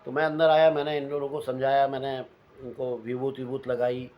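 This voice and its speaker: A man from Uttarakhand recounting a personal ghost experience, animated and repeating phrases for suspense. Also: mid-range voice, normal speed, lo-fi sound, slight background noise. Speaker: storyteller.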